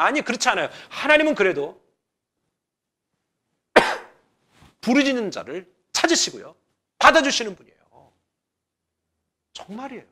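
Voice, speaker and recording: Male pastor preaching, high voice, bouncy up and down, chatty, goes from loud to almost whispering. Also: vocal fry. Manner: conversational preaching, swings from loud exhortation to near whisper. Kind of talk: sermon.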